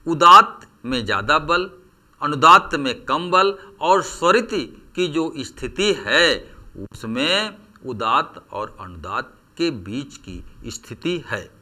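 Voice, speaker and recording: A man giving a grammar lesson, speaking very slowly and deliberately. His voice is bright and forceful, sitting a little high for a man. His pitch moves a great deal as he works through examples. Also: expressive. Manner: slow, deliberate explanation with spoken examples. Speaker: Hindi teacher. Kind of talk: classroom lecture on grammar.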